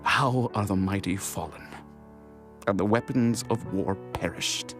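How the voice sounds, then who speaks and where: A man's voice: fairly low pitch, measured pace, over music, lightly acted. Man playing King David, solemn and declamatory. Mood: mournful lament. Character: King David, solemn, grieving and regal Israelite ruler. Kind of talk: dramatized scripture reading in archaic English.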